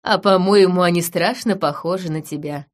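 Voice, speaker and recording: A woman reading an audiobook, voicing a gentle, mysterious man who speaks low and softly. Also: moderate pace, close to an everyday voice. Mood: tender. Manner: low, soft and tender.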